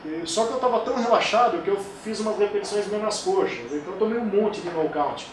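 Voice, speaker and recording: Guy in his 40s telling stories in an interview, slightly high voice, echoey room, noisy. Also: quick pace, a crowd in the background. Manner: animated storytelling, acts out quoted voices. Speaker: kettlebell sport coach and athlete. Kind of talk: casual interview chat. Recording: echoey room, distant mic, noisy background.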